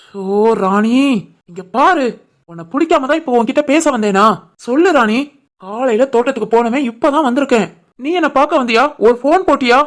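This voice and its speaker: Cartoon young husband voiced by a woman, fairly high voice, Tirunelveli Tamil accent, insistent and scolding. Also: animated, fairly quick. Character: young village husband, stubborn but loving. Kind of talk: animated family drama voice acting.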